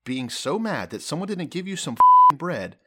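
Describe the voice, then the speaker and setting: A man's voice: fairly high pitch, wildly swooping pitch, moderate pace, pushed and bright, breathy edge. A man chatting casually as a comedy podcast co-host, teasing and swearing freely. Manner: profane, teasing.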